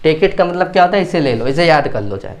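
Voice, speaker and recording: A man's voice: on the high side, expressive, quick pace, slight background noise. A man. He goes over every point more than once and keeps checking that the students follow. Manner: repeats points and checks understanding often. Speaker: English teacher. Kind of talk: classroom grammar lesson in Hindi.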